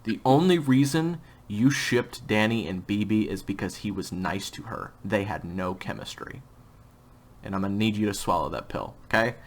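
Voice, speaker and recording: A man's voice: lowish voice, lively intonation, normal speed. A man hosting a casual interview chat, speaking in a frank, blunt and emphatic way. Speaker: writer, voice actor and host of the series.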